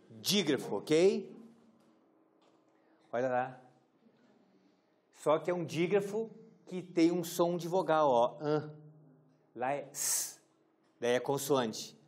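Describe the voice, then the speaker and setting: Guy teaching a class, jokey, keeps asking the room questions, kinda high voice. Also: darkish tone. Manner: casual, joking, asks the class questions. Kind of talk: classroom lecture.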